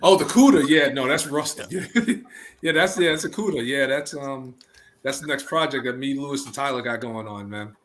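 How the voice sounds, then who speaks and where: A man's voice: medium pitch, moderate pace, fairly bright tone. A man with an American accent chatting casually on a video call, repeating phrases for emphasis. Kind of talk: casual chat. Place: indoor room on a video call.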